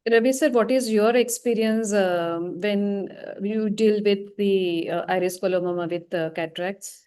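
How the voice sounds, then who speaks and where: A woman's voice: mid-range voice, a little slow, mellow, clean tone. A woman politely moderating a webinar and handing out questions.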